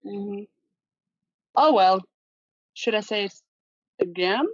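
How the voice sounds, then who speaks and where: A woman hosting a casual online quiz over a video call, playful, reading her clues slowly and clearly. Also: mid-range voice, no echo. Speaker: quiz host. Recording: dull lo-fi video call audio.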